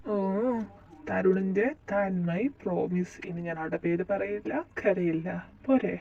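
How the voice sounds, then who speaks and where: Brief: a man as a gentle, jilted young guy, high-ish voice, soft delivery, muffled lo-fi sound. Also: fairly even intonation, a little slow, creaky. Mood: playful. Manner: soft, resigned. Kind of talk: amateur audio drama.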